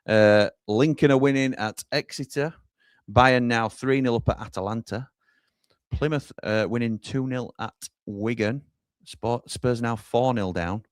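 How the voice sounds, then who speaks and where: Guy hosting a footy watchalong, lowish voice, reads out comments, dry close sound. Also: clean tone, no room sound. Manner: reads out viewer comments and hands over to reporters. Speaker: watchalong host. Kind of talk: live football watchalong chat.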